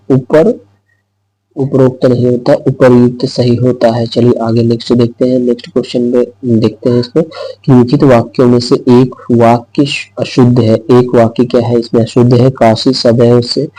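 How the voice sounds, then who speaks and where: A man's voice: mid-range voice, dark tone, dry recording, rough recording. A man teaching an exam-prep lesson who repeats each word and answer aloud and explains step by step.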